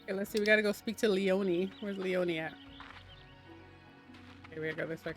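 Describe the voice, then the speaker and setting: A woman's voice: mid-range voice, fairly even intonation, brisk, faint music behind, rough recording. A woman streamer chatting casually and giggling while playing a game. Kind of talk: casual gameplay commentary.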